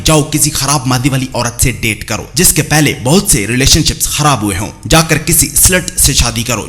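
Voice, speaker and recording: A man's voice: mid-range voice, fairly bright tone. A man delivering a scripted, sarcastic voice-over monologue as a channel host, lecturing his listeners and calling them brothers.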